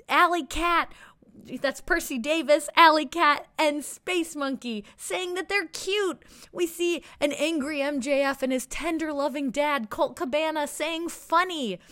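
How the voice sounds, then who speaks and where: A woman narrating a playful picture story in an animated, storytelling way. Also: sits high, slow, no echo, studio quality. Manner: animated, making up a story as she describes pictures. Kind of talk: playful read-aloud storytelling.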